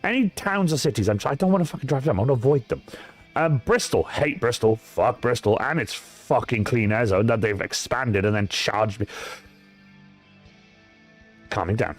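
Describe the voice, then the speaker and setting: A man's voice: mid-range voice, fairly quick, soft background music. A man from the countryside, chatting on a livestream and telling a story in a rant full of swearing. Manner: animated, swearing storyteller ranting to chat. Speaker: cosplay livestreamer. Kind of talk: casual livestream chat.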